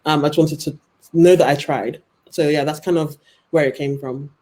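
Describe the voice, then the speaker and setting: A woman's voice: low voice, fairly even intonation, normal speed, warm tone. Hesitant young woman author on a video call. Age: young adult. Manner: hesitant, many fillers like um and like. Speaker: guest author. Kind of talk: casual conversation on a video call.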